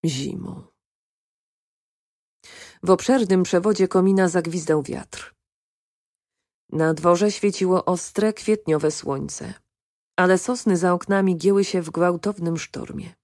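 A woman narrating an audiobook with a calm, even reading. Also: on the low side, measured pace, no echo, studio quality. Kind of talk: scripted narration.

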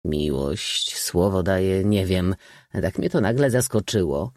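A flustered young count, as a male reader plays him fumbles slowly for his words in a lowered, hesitant voice. The storybook reading is dry and close. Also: expressive, darkish tone, no room sound. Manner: slow, fumbling and uncertain.

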